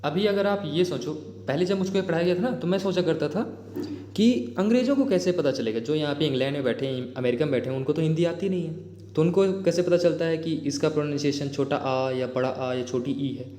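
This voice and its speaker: A man with an Indian accent teaching a grammar lesson in a chatty way, often checking in with his viewers and reading example sentences slowly. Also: fairly high pitch, dark tone, a little hiss or hum. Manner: addresses viewers as "bhai", frequent "theek hai?" check-ins; reads English example sentences slowly and deliberately. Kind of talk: explanatory exam-prep lesson. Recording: echoey room with long reverb.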